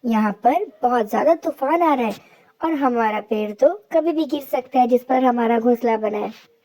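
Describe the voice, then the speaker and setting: A woman's voice: a little high, moderate pace, warm tone, lightly acted. A woman voicing a worried, tearful mother sparrow in a cartoon story, talking in an anxious, pleading way. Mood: urgent.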